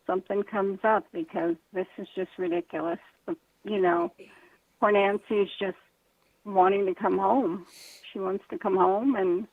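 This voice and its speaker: A hoarse woman calling in to a talk show, her voice gravelly and still recovering. She rambles casually with lots of fillers. The line is tinny and dry. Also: mid-range voice, dry recording. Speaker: caller. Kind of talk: casual call-in chat.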